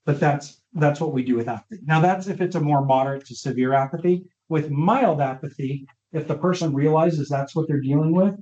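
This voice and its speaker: Guy giving a casual brain-health lecture, a bit high voice, keeps asking if it makes sense, echoey dull audio. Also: a little fast, few pauses, mellow. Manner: informal, often checks understanding with the audience. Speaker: neuropsychologist presenting a talk. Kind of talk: conversational lecture with audience questions. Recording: roomy, dull lo-fi online session audio.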